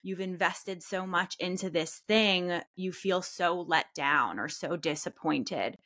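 Woman therapist, co-host, lower pitch, reflective, filler-heavy chat. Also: takes it slowly, bright, forceful tone. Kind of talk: casual podcast chat.

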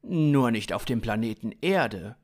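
A man voicing an excitable alien who passes himself off as a human, in an eager, jumpy manner. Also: mid-range voice, a little slow.

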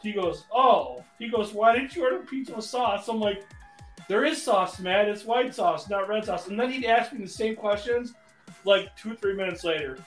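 Man, rambling, filler-heavy, fairly high voice, casual chat, echoey room, faint music. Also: normal speed. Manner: rambling, animated, many fillers. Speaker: podcast co-host.

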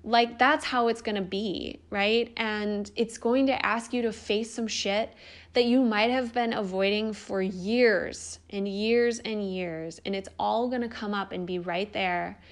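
A young woman hosts a podcast, speaking in a medium-pitched, fairly even voice at a slightly slow pace. Her spiritual self-help monologue on life purpose is earnest and encouraging, casual in tone with the occasional swear word.

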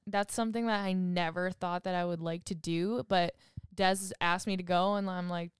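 A woman's voice: fairly low pitch, fairly even intonation, moderate pace, clear, resonant tone, dry recording, studio quality. A young woman co-hosting a casual chat with a friend, frank and laid-back, swearing now and then. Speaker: podcast co-host.

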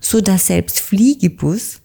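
A woman reading a children's story aloud in a calm, measured storytelling voice. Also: mid-range voice, vocal fry, breathy edge.

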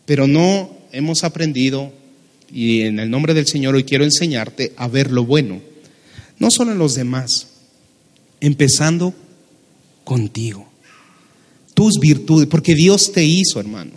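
A man, a pastor preaching a sermon, lively and humorous, acting out the people in his Bible stories. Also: a little high, in a large hall. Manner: animated, acts out Bible characters with humor.

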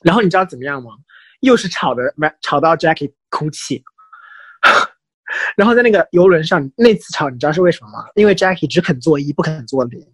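Animated husky man telling stories. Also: a little high, brisk, no room sound. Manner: animated, gossipy storytelling mixing Chinese and English. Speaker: podcast co-host. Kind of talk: casual chat.

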